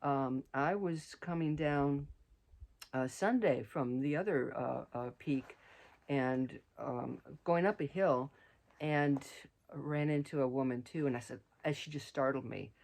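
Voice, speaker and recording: A woman's voice: a bass voice, unhurried, a little mellow. A middle-aged woman vlogging casually outdoors on a mountain trail, rambling with many fillers and restarts. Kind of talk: casual hiking vlog.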